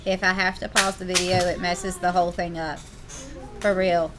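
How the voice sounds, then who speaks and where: A woman's voice: lowish voice, flat delivery, moderate pace. A woman teacher, leading a classroom math lesson and playfully teasing her students.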